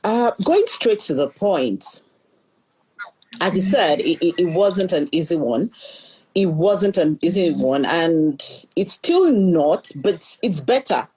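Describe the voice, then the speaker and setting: A middle-aged Nigerian leadership coach, appearing as a podcast guest, earnestly recounts her life story, often repeating words while she thinks. Her fairly low voice is warm, slightly rough and animated, moving at a slow pace over a rough recording.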